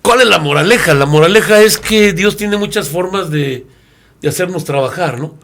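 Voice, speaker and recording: Older Mexican pastor telling lively stories. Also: male voice, high voice, normal speed, slight background noise. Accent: Mexican Spanish. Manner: storytelling, acts out quoted characters. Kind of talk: sermon-like Bible lesson discussion.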